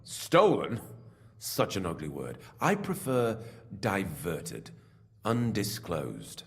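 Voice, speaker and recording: A smug, scheming smelting master. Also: male voice, slow pace, creaky, exaggerated voice. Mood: evasive. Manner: smug and evasive, lively pitch. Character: scheming middle-aged male smelting works master, sly. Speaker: game character. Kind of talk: video game voice acting.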